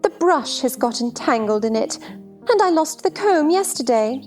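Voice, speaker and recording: A woman's voice: sits high, lively intonation, unhurried, a little mellow, soft background music. A woman playing a scatterbrained, helpless queen in a theatrical children's storybook drama, fluttery and fussy. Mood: fussy, insistent. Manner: fluttery, nonsensical insistence, crying out.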